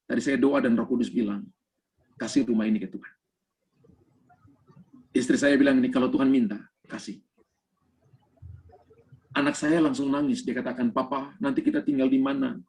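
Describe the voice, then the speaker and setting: A man's voice: mid-range voice, a little mellow. A man preaching a sermon over a video call, emphatic and storytelling, slipping English phrases into his talk. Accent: Indonesian. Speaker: pastor.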